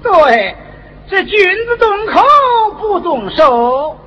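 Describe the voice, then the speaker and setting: An actress playing a pompous, bookish grown child who declaims proverbs, in Henan opera stage acting. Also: female voice, extremely high pitch, sing-song, takes it slowly, dull audio, slight background noise, full character voice. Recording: loud audience around the stage.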